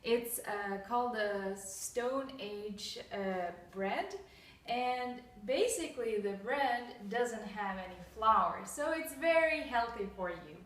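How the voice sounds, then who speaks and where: A young Russian woman shows a recipe in her home kitchen, chatting casually with plenty of fillers and restarts as a cooking vlogger. Her voice is a little high and a bit bright, slow but lively in intonation. The kitchen is echoey and she stands far from the mic.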